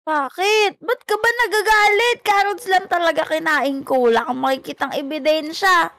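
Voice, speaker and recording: Woman, very high pitch, whiny and pleading, playful game roleplay. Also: moderate pace, a bit bright. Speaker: co-player in a Minecraft roleplay.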